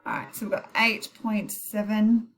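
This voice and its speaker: The recording is rough, with a little hiss or hum, as a woman at a measured pace and in a flat, mid-range voice teaches an informal maths tutorial. She thinks aloud through the calculator work, correcting herself and apologizing briefly. Heavy rain is pouring outside.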